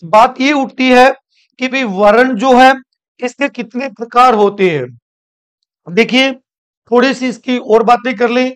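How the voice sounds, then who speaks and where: A man's voice: very high voice, measured pace, fairly bright tone, clean tone. A man teaching a classroom grammar lesson, explaining step by step, asking questions and answering them himself. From India. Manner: explains step by step, repeats points, asks and answers his own questions. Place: school classroom.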